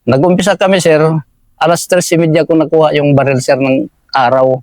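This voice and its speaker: A man's voice: a little high, flat delivery, a little fast, darkish tone, dry recording. A man from Eastern Samar, recounting a war story to his interviewer and addressing him as sir at almost every phrase. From Eastern Samar, Philippines. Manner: deferential, says "sir" constantly. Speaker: militiaman guest.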